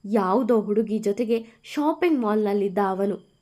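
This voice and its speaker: A woman voicing a tearful, angry young wife who speaks loudly and emphatically. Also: mid-range voice, moderate pace, lightly acted. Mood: upset, angry. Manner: loud, emphatic, pleading.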